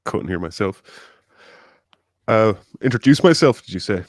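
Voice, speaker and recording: A man who is a guest on a casual podcast call. His voice sounds deep and masked, and he speaks hesitantly and apologetically. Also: lively intonation, moderate pace. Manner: hesitant and apologetic, thrown off balance. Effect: deep, disguised-sounding voice, as if masked. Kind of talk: casual chat over a call.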